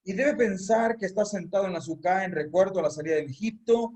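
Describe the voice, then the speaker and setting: A man's voice: high voice, fairly quick, a little mellow. A man teaching a congregation in an online religious class, explaining step by step and repeating key phrases so they are memorized.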